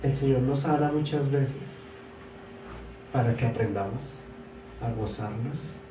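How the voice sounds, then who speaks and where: A pastor preaching a sermon, swinging between loud emphatic exclamations and soft asides, and stretching words slowly for emphasis. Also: male voice, mid-range voice, recorded from a distance, noisy background. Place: church hall. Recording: echoey church, voice from afar.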